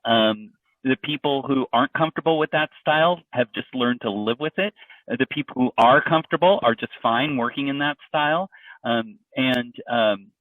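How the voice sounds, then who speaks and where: A man giving a relaxed webinar presentation, thinking aloud with plenty of fillers and restarts. His voice sits at a middling pitch and comes across dry and set back from the mic. The audio is narrow and phone-like, as on a video call. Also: normal speed, dry recording, distant mic. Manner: conversational, loose, with frequent fillers and restarts.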